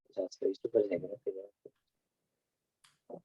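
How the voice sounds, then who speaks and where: A man's voice: low voice, little pitch movement, slow pace, mellow, slightly rough, dry recording, dull audio. A young man, teaching an English lesson one-on-one and explaining step by step with many fillers.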